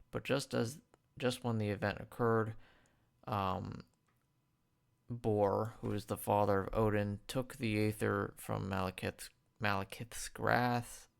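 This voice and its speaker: Gravelly young man rambling through a review. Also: fairly low pitch. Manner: loose and rambling, fills with "like" and stumbles over words. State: talking with a dental retainer in. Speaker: radio show host reviewing films. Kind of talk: casual spoken film review. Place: radio studio.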